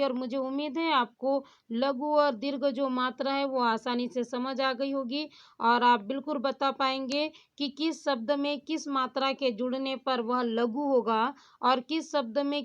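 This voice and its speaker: A woman teaching a Hindi grammar lesson on poetic meter. She keeps asking rhetorical questions and then answers them herself. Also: high voice. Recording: dull lo-fi sound.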